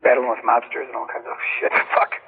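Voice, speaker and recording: Gravelly, fast-talking man on an old, muffled phone-call cassette tape; rambling, boastful, swears freely. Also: mid-range voice, flat delivery. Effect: poor-quality old cassette tape of a phone call. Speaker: father on a phone call with his son. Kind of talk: casual phone chat.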